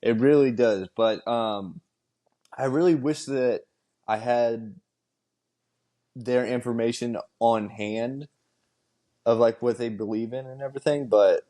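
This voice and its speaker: A man's voice: medium pitch, takes it slowly, pauses often, dark tone. Laid-back young man, casual chat. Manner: laid-back, agreeable, lots of fillers. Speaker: podcast co-host. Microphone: video call.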